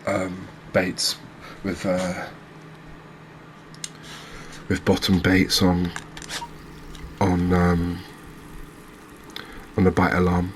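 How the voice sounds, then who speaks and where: This low-quality recording features a gaming channel host playing a fishing game, speaking quietly in a low voice with a very flat, level intonation. He thinks aloud at a relaxed pace, stopping now and then to find the right word, over a faint bed of ambient noise.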